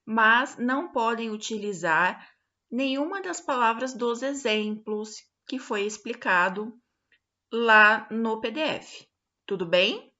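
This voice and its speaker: Woman teacher, fairly high and bright, very slow remote lesson with frequent check-ins, dull lo-fi recording. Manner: slow, patient, stretches example words out syllable by syllable, frequent check-ins. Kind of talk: remote grammar lesson for pupils.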